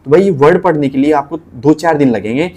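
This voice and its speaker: Man with a slightly high voice tutoring typing. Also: lively intonation, dark tone. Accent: Rajasthani Hindi. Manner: repeats points, spells letters out slowly. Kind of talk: casual teaching.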